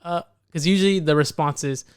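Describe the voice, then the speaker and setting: Young man with a smooth, dry voice. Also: on the high side, fairly quick, no echo. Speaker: podcast co-host. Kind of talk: casual chat.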